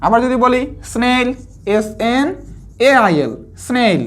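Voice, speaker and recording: A woman's voice: fairly high pitch, animated, measured pace. A woman teacher, giving a pronunciation lesson. She spells words out letter by letter and asks and answers her own questions.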